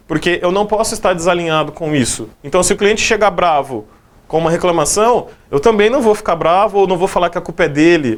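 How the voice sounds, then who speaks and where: A man with a Brazilian Portuguese accent, a psychologist giving a conversational sales training lecture, often checking in with his listeners. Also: high voice. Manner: conversational, frequent "né?" and "beleza?" check-ins.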